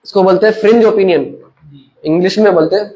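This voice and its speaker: High-voiced man teaching a religious lesson. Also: quick pace, mellow, poor audio. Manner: explains with everyday examples, checks understanding with listeners. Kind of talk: conversational Islamic lesson.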